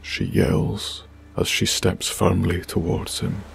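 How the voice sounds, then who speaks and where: A man narrating a bedtime sleep story in a soft, hushed, breathy manner. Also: deep voice, little pitch movement, slow, a little hiss or hum.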